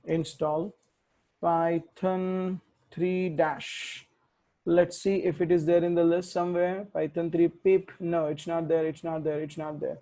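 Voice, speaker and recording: A man's voice: a little high, flat delivery, normal speed, hardly any pauses, mellow. A man teaching a live coding tutorial, thinking aloud and correcting himself as he types commands. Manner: thinks aloud, self-correcting, mutters while typing. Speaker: tech instructor.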